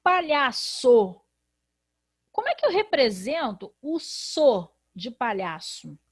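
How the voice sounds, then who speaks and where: A woman's voice: sits high, very animated, takes it slowly, breathy edge. A woman with a Brazilian Portuguese accent, a literacy teacher in a recorded video lesson who explains patiently and asks rhetorical questions.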